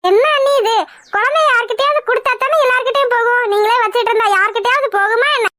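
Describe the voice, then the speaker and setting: A woman's voice: extremely high pitch, fast talker, pushed and bright, slight background noise, voice pushed up. A woman voicing a young would-be bride in a village cartoon, with a sugary, coaxing way of talking. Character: sweet-talking young bride-to-be, falsely caring.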